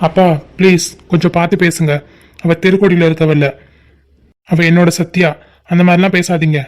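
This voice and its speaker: A man's voice: sits high, little pitch movement, brisk, close to an everyday voice. A man voicing a defiant young adult son in a cartoon family drama, answering his father back firmly. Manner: firm, defiant.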